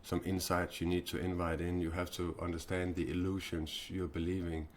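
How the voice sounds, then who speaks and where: A Danish man in his forties hosting a spiritual live stream, talking haltingly with many fillers and restarts. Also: low voice, little pitch movement, a little hiss or hum. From Denmark.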